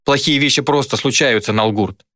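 A man's voice: medium pitch, sharp tone, no room sound, studio quality, pitched above the performer's own voice, natural voice. A man voicing a cruel, mocking female demon who taunts coldly. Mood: taunting. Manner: sneering, cold, unhurried taunts.

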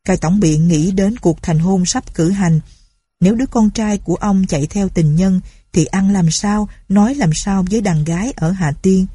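Brief: woman narrator, measured storybook reading, warm husky tone. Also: medium pitch, no echo, studio quality.

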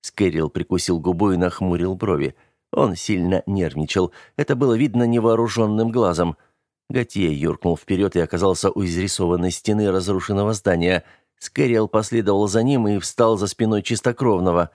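A man reading a first-person story aloud in a steady, measured way. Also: low voice, no echo, studio quality. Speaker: audiobook narrator. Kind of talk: first-person scripted narration.

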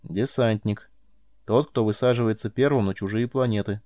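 A calm alien mentor in a man's voice, patient and dry in his measured explanations, as the storyteller reads him. The tone is low and dark, and the recording is close with no room sound. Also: no echo, close to an everyday voice.

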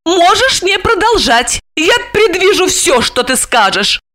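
Brief: a woman as a vain, sharp-tongued young wife, very high and lively, full of airs. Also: a little slow, full character voice. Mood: haughty, irritable. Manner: haughty, irritable, lively.

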